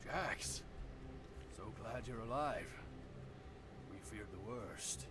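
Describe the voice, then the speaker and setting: A man voicing a grim male warrior leader in game dialogue, speaking solemnly over loud music. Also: fairly low pitch, animated, slow pace, background noise.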